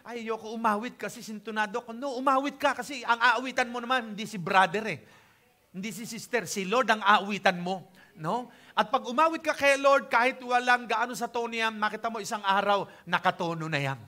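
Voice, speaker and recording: An older pastor from the Philippines delivers a conversational sermon, chatty and informal, and keeps checking in with his congregation. His voice sits high for a man. It has a bright, forward edge. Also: fairly quick.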